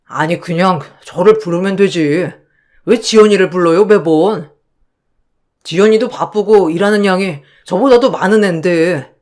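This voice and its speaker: A woman voicing a young husband who protests quickly to his mother, in a radio drama. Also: on the low side, darkish tone, natural voice. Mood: exasperated. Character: exasperated young husband caught between wife and mother.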